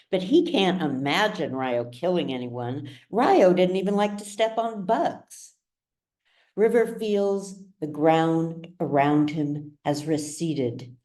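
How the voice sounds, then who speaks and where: An author reads her own novel as an audiobook in a low, mellow voice. She tells the story in a measured, dramatic way, lingering over every phrase.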